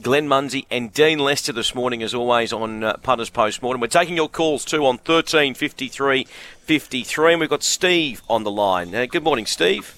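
A man's voice: mid-range voice, moderate pace, fairly bright tone. An Australian man hosting a live radio talkback show in a casual presenting style.

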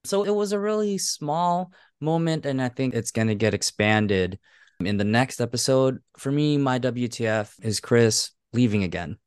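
Male co-host, easygoing casual chat, mid-pitched voice, dry close mic. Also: normal speed, clear, resonant tone, no echo. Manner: easygoing, agrees often, acts out quotes with laughs. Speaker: podcast co-host.

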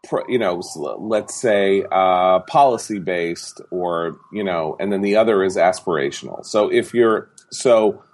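A man co-hosting a podcast, laying out a political argument point by point in a measured way. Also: sits low, a little mellow. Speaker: podcast co-host. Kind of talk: casual political chat.

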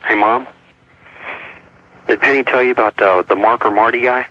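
A man talking to family over a jail payphone call, hurried and stumbling over his words. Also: medium pitch, steady tone, slight background noise. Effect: jail payphone call line. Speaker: jail inmate on a phone call. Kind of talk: casual phone chat. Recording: muffled archival phone recording.

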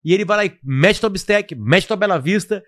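Casual high-pitched man cohosting a comedy podcast, animated rant. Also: a little fast, a little hiss or hum. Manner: animated ranting storyteller. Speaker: podcast co-host.

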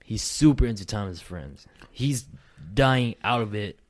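A man's voice: on the low side, expressive, normal speed. A man, chatting casually and rambling with lots of fillers and restarts. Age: late 20s. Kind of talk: casual chat.

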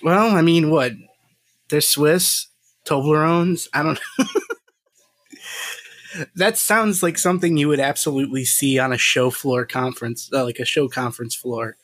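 A man's voice: fairly high pitch, measured pace, pauses often, a bit bright, no room sound. A man co-hosting a podcast in a casual, rambling chat, laughing often and swearing lightly. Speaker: podcast co-host.

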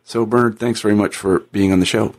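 A man's voice: on the low side, fairly even intonation, a little mellow. A man with an American accent hosting an interview podcast, conversational and often repeating words as he feels his way. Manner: halting, repeats words as he goes.

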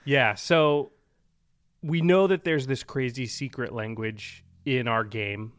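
A man's voice: mid-range voice, slow pace, a bit bright. A man co-hosting a podcast, explaining things in a casual, conversational way. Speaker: podcast co-host.

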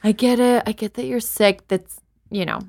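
A woman's voice: a little high, steady tone, normal speed, a little mellow. A woman co-hosting a podcast in a blunt, casual way, swearing freely. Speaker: podcast co-host. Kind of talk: casual chat.

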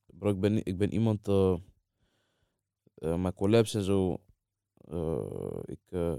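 Low, mellow man talking Moroccan-Dutch street slang. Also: big pitch swings, slow pace, gravelly, clean tone, no room sound, clean studio sound. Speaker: interviewed music artist. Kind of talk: casual chat.

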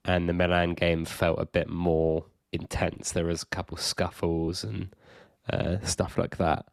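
A man's voice: low-pitched, little pitch movement, unhurried, creaky, no echo, clean studio sound. A man co-hosting a casual football podcast in a conversational way. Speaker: podcast co-host.

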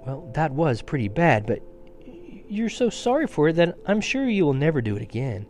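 A man's voice: on the high side, big pitch swings, normal speed, darkish tone, soft background music, voice pushed up. A man voicing a kind, anxious young girl in a storybook reading, polite and pleading. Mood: earnest. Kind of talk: dramatic storybook character reading.

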